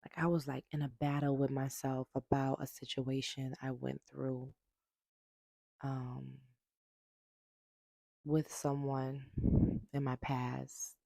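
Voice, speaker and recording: A woman talks straight to her viewers in a personal vlog, unhurried and a little gravelly. She is blunt and emphatic, swearing freely and hammering her points with repetition. The sound is close and dry. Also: a bass voice, monotone, mellow, no echo. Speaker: vlogger.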